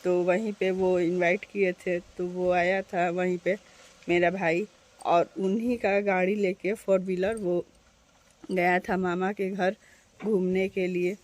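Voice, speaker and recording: Flat-voiced woman vlogging outdoors. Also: on the low side, a little slow. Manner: chatty, addresses viewers directly. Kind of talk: casual chat to camera. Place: outdoors in the shade at her doorway.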